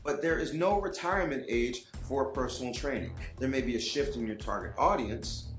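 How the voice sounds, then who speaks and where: A man's voice: mid-range voice, moderate pace, soft background music. Man giving earnest fitness-coaching advice. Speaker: personal trainer giving advice to trainers. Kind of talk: direct-to-camera advice vlog.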